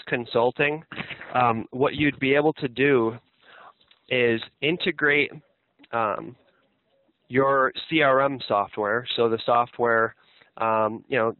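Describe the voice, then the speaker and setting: A man on a narrow, tinny phone line with a dry sound and a slightly low pitch. He delivers a telemarketing sales pitch in a hesitant, rambling way, padded with fillers. He keeps tacking on small questions to seek agreement. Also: no room sound. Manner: seeks agreement with frequent tag questions. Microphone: telephone.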